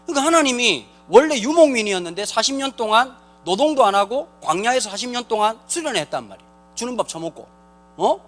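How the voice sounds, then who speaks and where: A man pastor preaching a lively comic sermon, joking in slang and quizzing the congregation directly. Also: very high voice. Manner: acts out characters in quick put-on voices.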